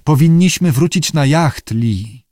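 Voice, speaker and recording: A man's voice: fairly high pitch, expressive, slow, warm tone, no room sound, studio quality. A man voicing an awkward young man trying to seem brave, earnest and slightly unsure. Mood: anxious.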